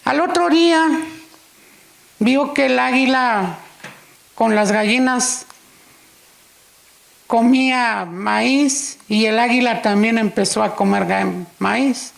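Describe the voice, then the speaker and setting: A woman's voice: fairly high pitch, slow, creaky, long pauses. A woman preaching in church, unhurriedly telling a story and acting out its dialogue. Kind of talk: sermon storytelling.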